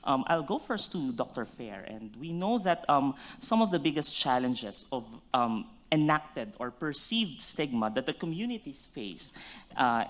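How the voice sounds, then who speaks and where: A man's voice: on the high side, fairly bright tone. A man moderating a conference panel, thanking speakers and posing long, polite questions. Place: conference stage.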